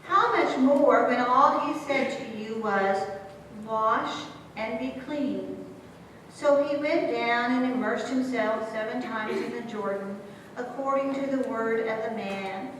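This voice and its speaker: A woman reading scripture aloud formally in a church service, with a measured, deliberate delivery. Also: on the high side, a bit bright. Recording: echoey hall from far off, faint noise.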